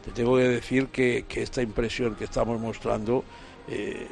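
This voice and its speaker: A man's voice: mid-range voice, little pitch movement, moderate pace, gravelly. A man giving football commentary on a radio sports show, emphatic and repeating himself as he starts. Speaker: football pundit.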